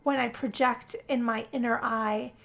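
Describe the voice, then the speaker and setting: With music playing beneath her, a woman narrates a role-play story in the first person, cast as a weary, lovestruck young heroine. Her voice sits on the high side, a little bright, steady and unhurried. The delivery is theatrical and dramatic, full of breathy sighs.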